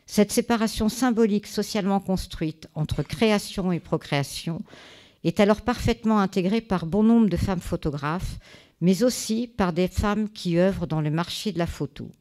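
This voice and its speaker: A woman giving a conference talk, reading a prepared text in a measured way, with small fillers and restarts. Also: fairly low pitch, mellow. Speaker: conference speaker. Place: conference hall.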